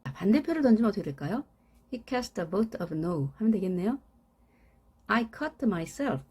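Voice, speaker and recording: A woman's voice: medium pitch, big pitch swings, unhurried, dark tone, breathy edge. A woman teaching English verbs in Korean, repeating each word in rhythmic sets and explaining meanings with everyday examples. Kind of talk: scripted lesson on verbs.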